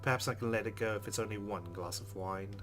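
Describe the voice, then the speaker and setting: A let's play gamer with a lowish voice talks fast and steadily as he reads a visual novel's narration aloud. Between lines of game text he reacts with wry, amused asides.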